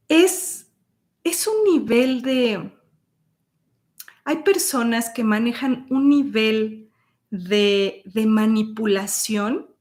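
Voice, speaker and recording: A woman telling a personal story as host, acting out quoted dialogue with sudden high peaks. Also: a little mellow.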